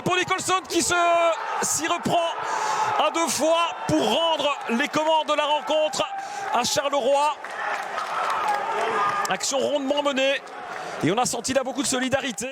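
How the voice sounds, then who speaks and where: Man, live football commentary, very high excitable voice, rising to shouts, loud crowd noise. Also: unhurried, pauses often. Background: stadium crowd.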